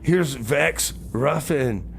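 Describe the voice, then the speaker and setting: Very slow and gravelly, this medium-pitched male voice belongs to a community radio host who keeps things chatty and loose, repeating himself while he introduces tracks and jokes around on his casual music show. There's slight background noise.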